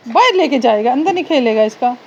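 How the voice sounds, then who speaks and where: A woman's voice: sits high, animated, quick pace, highs cut off, background noise. A Pakistani woman, a mother at home, coaxing her small child in affectionate, repetitive baby talk. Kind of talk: casual home vlog talking to her toddler. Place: indoors at home, fan running.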